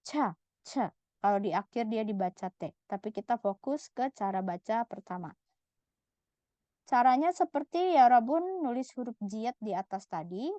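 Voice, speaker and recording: A woman's voice: medium pitch, dark tone, dry recording. A woman teaching Korean letters in a patient, step-by-step way, sounding out each syllable and repeating it. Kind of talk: slow step-by-step lesson. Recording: slightly dull lo-fi audio.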